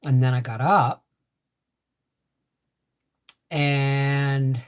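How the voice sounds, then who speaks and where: A woman's voice: very deep voice, fairly even intonation, extremely slow, clear, resonant tone. An older woman hosts a casual livestream chat with a swollen, sore mouth from dental work. She rambles along conversationally and repeats phrases for emphasis, her words slightly muffled by the swelling. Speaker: livestream host.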